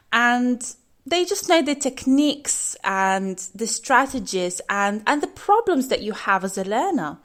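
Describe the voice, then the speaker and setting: A woman who grew up in the UK, speaking British English with a slight Russian twang, talking casually and with conviction as an English teacher hosting her own podcast, with many fillers and restarts. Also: mid-range voice. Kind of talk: solo podcast talk.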